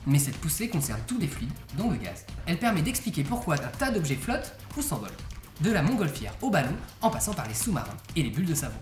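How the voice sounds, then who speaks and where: A woman's voice: low voice, very animated, fast, a little mellow. A woman presenting science in a scripted explanatory narration. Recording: roomy echo under music.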